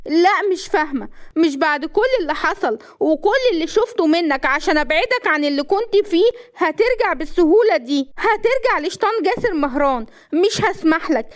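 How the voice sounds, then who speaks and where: A woman with an Egyptian accent voicing a sharp-tongued, stubborn young woman who mocks and argues. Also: extremely high pitch, lively intonation, voice pushed up. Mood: furious. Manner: mocking, quick to argue.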